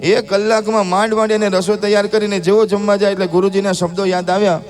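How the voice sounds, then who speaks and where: A male preacher telling a devotional story in a sermon, acting out the characters with drawn-out calls. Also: high voice, flat delivery, faint music behind. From Gujarat. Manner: acts out characters' voices in a drawn-out calling tone.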